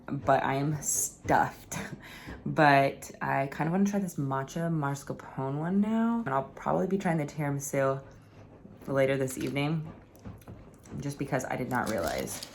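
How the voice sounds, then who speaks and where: Low-voiced young woman rambling about snacks at home, giggly, faint room hum. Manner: chatty, giggly, laughs often. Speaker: travel vlogger. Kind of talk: casual vlog chat. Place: rented flat indoors.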